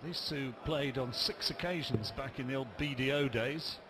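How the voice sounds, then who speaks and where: A man's voice: medium pitch, normal speed. A man giving live darts commentary, with a noisy crowd behind him.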